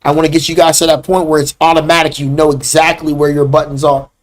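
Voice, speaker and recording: A man hosting a live trading class, talking bluntly and scolding viewers by name, with drawn-out loud emphasis when he calls people out. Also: on the high side, flat delivery. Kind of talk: live stream trading lesson.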